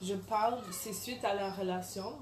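Young woman guest, slight English-tinged accent, earnest and soft-spoken, roomy sound. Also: medium pitch, fairly even intonation, moderate pace, a little hiss or hum. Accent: English-tinged French. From Congo. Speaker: guest, singer. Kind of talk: interview.

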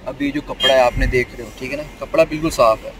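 A man's voice: medium pitch, steady tone, fast. A young man, casually explaining a car upgrade to viewers in a chatty vlog, filmed on a handheld camera in and around his car. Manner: chatty, addresses viewers as brothers, many fillers. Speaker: car vlogger. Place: inside a car and an auto parts shop. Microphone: handheld action camera. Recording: street traffic noise.

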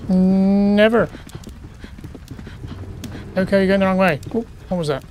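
A high-voiced man with a darkish tone and a measured pace plays through a horror game, mumbling questions to himself as he explores. It's casual let's play commentary from a gaming YouTuber, with slight background noise.

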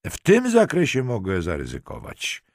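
A man's voice: mid-range voice, expressive, measured pace, creaky, darkish tone, no room sound, voice pushed up. A man reading a young woman, teasing at first and later frightened and close to tears. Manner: teasing, then pleading and breathless.

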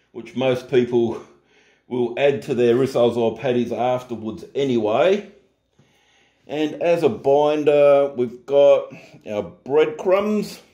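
In his echoey kitchen, a middle-aged Australian man runs a laid-back home cooking lesson, chatting away and cracking jokes at his own expense. He speaks with a medium-pitched voice.

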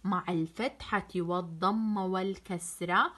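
Slow, encouraging woman teaching letters. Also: lowish voice, steady tone, fairly bright tone. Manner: slow, drawn-out letter sounds with repeated drilling; praising, encouraging. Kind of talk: children's phonics lesson.

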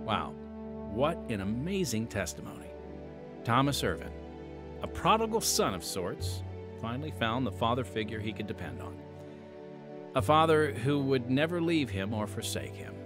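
Over music, a male podcast host delivers a segment and reads announcements from a studio mic, sounding friendly and chatty. His medium-pitched voice swings widely in pitch, and his pace is moderate.

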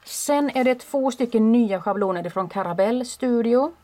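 A woman who runs a craft shop, chatting casually and warmly as she shows off new stock at home. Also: on the high side, lively intonation. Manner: chatty and friendly, with small restarts. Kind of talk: casual product show-and-tell.

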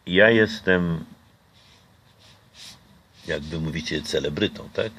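A breathy edge colors the low, fairly bright voice of an older Polish man speaking at a slow pace. He's having a relaxed interview outdoors on a garden patio, reflective and halting with plenty of fillers and restarts, recorded by a camera close by.

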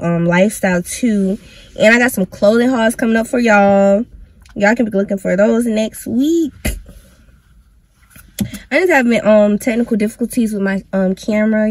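A woman's voice: mid-range voice, darkish tone, dry recording. A woman chatting casually to camera in a vlog, laid-back and slangy, blunt and brash when she calls people out. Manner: laid-back, slangy, says "y'all" and "or whatever" a lot. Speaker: vlogger. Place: at home, eating while filming.

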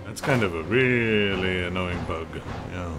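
A man's voice: low-pitched, unhurried. A man giving casual, wry commentary while playing a video game. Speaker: gaming streamer. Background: game music.

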